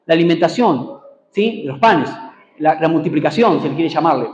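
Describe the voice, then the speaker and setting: A man's voice: a little high, animated, moderate pace, darkish tone, echoey room, muffled recording, a little hiss or hum. A man preaching a sermon in a church, prompting the congregation to repeat after him and answer amen. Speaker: pastor. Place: church hall.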